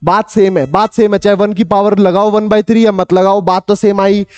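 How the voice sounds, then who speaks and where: High-voiced man teaching maths. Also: level tone, normal speed, a little mellow, smooth, no echo. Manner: coaxing, repeats questions to the class, calls himself big brother. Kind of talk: energetic tutoring lecture. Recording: dull, slightly lo-fi dry recording.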